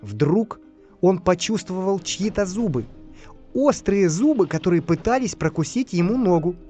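Man reading a lively bedtime story. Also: sits high, unhurried, soft background music. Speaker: narrator.

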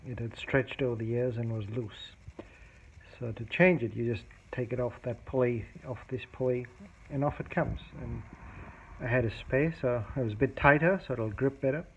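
Recorded on amateur home video with phone-quality sound and noticeable background noise, a man with a medium-pitched, slightly rough voice demonstrates repairs. He's a hobbyist working casually and unscripted at a cluttered table indoors at home.

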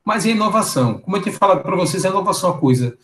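A man's voice: high voice, animated, rapid-fire, a bit bright, roomy sound, slight background noise, low-quality recording. A Brazilian man in his thirties giving an online lecture over slides on a video call, talking in a conversational way with many fillers and tag questions. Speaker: guest lecturer. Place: indoor room. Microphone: webcam on a video call.

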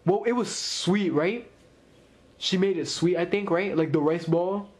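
A man giving casual live reaction commentary on an anime episode, excitable and rambling, with lots of "like" and "you know". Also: high voice, unhurried. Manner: excitable, rambling with many fillers. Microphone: wearing earphones while recording.

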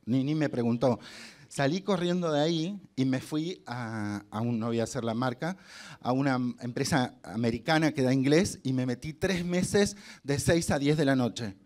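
A man's voice: medium pitch, moderate pace, a little mellow. A middle-aged man with an Argentine accent giving a motivational storytelling talk. He is humorous and anecdotal, and he acts out the dialogue he quotes. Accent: Argentine Spanish. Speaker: guest speaker.

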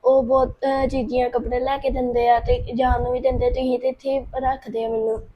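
Lady doing a whiny kid, flat high voice, muffled sound. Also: brisk, natural voice. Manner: whining, flat. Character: sulky child wanting to visit his aunt.

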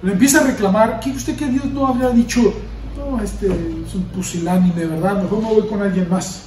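A man preaching a sermon as pastor, building to emphatic bursts and letting phrases fall away softly. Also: high-pitched, normal speed, a little hiss or hum. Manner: preaching with rising emphatic bursts and soft trailing endings. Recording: roomy echo, from a distance, faint ambience.

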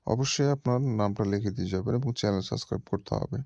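A man hosting his own channel, calmly explaining step by step, repeating himself and pausing to hesitate. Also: on the low side, gravelly, no room sound. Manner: patient, repetitive explaining with frequent hesitations. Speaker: channel host teaching mantras. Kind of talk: instructional monologue. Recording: dull, dry lo-fi recording.

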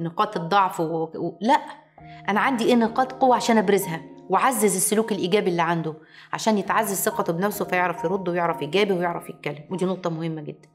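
A woman with an Egyptian accent giving an informal lecture on parenting. She speaks emphatically and uses rhetorical questions and repetition. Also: medium pitch. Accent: Egyptian Arabic.

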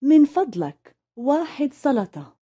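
A woman, carefully repeating lesson phrases one by one in a clear, scripted way. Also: high voice, very animated, measured pace, dark tone. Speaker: language lesson speaker.

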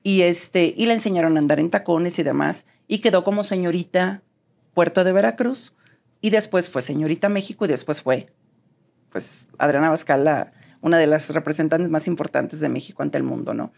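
Animated Mexican woman telling stories. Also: deep voice, moderate pace, vocal fry. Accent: neutral Mexican Spanish. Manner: animated, acts out quoted dialogue. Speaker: guest. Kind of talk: storytelling interview chat.

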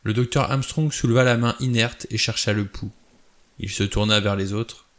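A man reading a novel aloud in steady, even narration. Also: on the low side, normal speed. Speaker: audiobook reader.

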